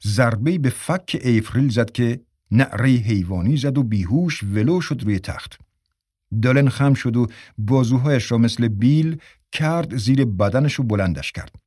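Guy reading a novel aloud, steady pace, dry close mic. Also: medium pitch, no room sound. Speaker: audiobook narrator. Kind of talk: scripted narration.

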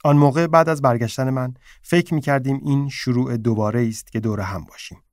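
A man reading a short story aloud in a subdued, low-key way. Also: darkish tone, no room sound, studio quality. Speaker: narrator.

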